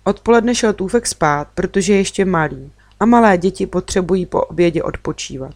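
Woman reading a kids' audiobook, lowish calm voice, dry close recording. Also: no echo. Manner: even, storytelling, first person. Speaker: audiobook reader. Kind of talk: children's audiobook narration.

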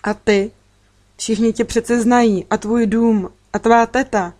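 Alien girl, calm and kind, serious and gentle, as a woman reader puts her on. Storybook. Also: fairly high pitch, close to an everyday voice. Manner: serious, gentle, matter-of-fact.

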